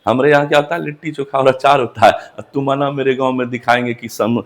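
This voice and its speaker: A man's voice: mid-range voice, steady tone, fast talker, slight background noise. Bihari man teaching, quizzing his students. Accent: Bihari Hindi. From Bihar, India. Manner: repeats questions back to students and answers them himself. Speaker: English teacher. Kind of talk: classroom lecture.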